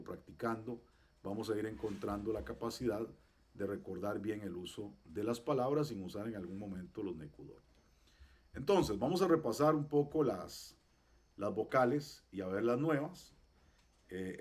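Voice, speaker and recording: A man teaching a class, patiently explaining pronunciation and repeating each example slowly. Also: fairly low pitch. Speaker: Hebrew teacher. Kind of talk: online class.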